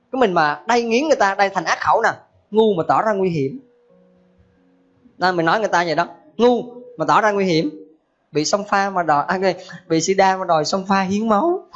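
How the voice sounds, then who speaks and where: A woman giving a humorous Buddhist dharma talk in a folksy manner, full of rhetorical questions. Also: medium pitch. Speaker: Buddhist teacher. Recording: dull lo-fi recording.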